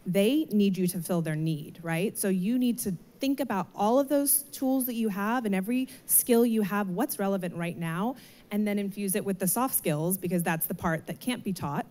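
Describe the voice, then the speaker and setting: A woman's voice: mid-range voice, normal speed, dark tone. A woman recruiter speaking on a panel, giving earnest career advice into a handheld mic. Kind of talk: panel discussion. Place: large atrium stage with audience.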